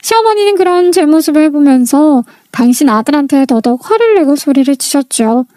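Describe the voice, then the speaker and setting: A woman's voice: high voice, animated, a little fast, dark tone, no room sound, studio quality. A woman narrating a first-person family drama story in a confiding, dramatic way.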